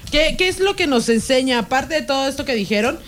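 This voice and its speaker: A woman with a Mexican accent hosting a school radio show, chatting playfully with students, teasing them and pausing on fillers as she thinks. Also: sits high, animated, faint music behind. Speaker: radio host interviewing students. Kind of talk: casual chat on school radio. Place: radio studio.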